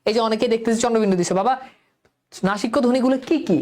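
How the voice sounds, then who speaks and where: A woman's voice: fairly high pitch, darkish tone. A young woman teacher with a colloquial Bangladeshi Bengali accent, leading an online lesson and quizzing her students in a coaxing way. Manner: coaxing, quizzes students, repeats words slowly.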